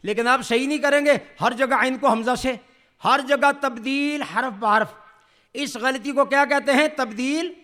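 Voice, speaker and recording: A man's voice: very high voice, pushed and bright. A man teaching Quran recitation to a group, correcting pronunciation and leading drills where they repeat after him. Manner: leads call-and-response, asks the group to repeat. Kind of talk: classroom tajweed lesson.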